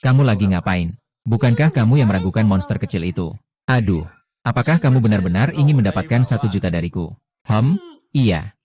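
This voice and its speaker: A man reading all the parts of a dubbed drama in a flat, unhurried way. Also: lowish voice.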